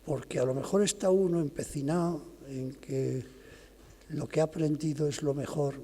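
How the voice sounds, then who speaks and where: An older man from lectures to an audience, explaining patiently and breaking off to restart his phrases. His voice is gravelly and husky with a mellow, dark tone. The sound carries the long reverb of a lecture hall. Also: a little high, steady tone, normal speed. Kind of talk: academic lecture.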